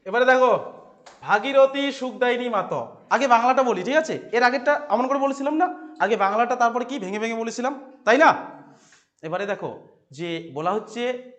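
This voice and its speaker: High-voiced man teaching Sanskrit verses. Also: a bit bright. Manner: quizzes students and repeats key phrases; recites verses slowly in a chanting tone. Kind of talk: classroom lecture explaining verses.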